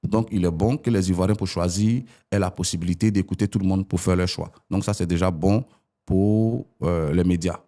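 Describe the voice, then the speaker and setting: A man in his forties from Ivory Coast, a politician arguing his points as a guest in an interview. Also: normal speed. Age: 40s. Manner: animated, rising pitch when arguing.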